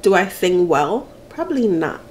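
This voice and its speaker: A woman's voice: lowish voice, big pitch swings, normal speed, a little hiss or hum. Lady in her 30s chatting away during a mukbang, laughs a lot, playful and easygoing. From Jamaica. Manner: chatty and playful, laughs often, answers her own questions. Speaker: mukbang vlogger. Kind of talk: casual chat answering get-to-know-me questions while eating.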